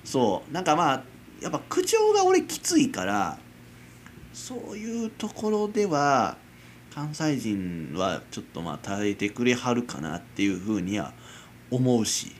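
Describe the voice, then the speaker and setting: This amateur radio-style host, a Kansai man in his twenties with the accent to match, runs a relaxed solo late-night chat full of rambling, self-mockery and frequent chuckles. His medium-pitched voice swings hugely in pitch while keeping a measured pace. There is slight background noise.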